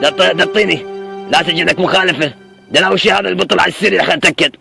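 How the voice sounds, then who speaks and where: A man's voice: high voice, fairly even intonation, racing, creaky, music in the background. A man playing a stern, suspicious traffic policeman in a comedy skit, interrogating in Iraqi Arabic. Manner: interrogating, bossy.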